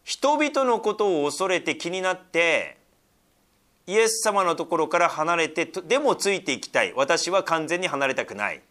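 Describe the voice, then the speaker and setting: A man preaching a sermon, reading scripture loudly and then dropping to soft, almost whispered asides, chatty and full of fillers. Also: on the high side, big pitch swings, normal speed. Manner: conversational, with many fillers and tag particles. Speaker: pastor.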